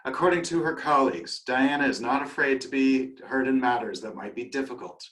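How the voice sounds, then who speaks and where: Mid-pitched man, measured formal award reading, echoey room. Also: fairly bright tone. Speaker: award presenter. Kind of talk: read award presentation.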